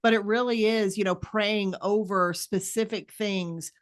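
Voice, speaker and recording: A woman who is a marriage counselor, explaining things on a podcast in a steady, plain manner. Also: medium pitch, measured pace. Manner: steady, explanatory, many soft affirmations. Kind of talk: casual interview chat.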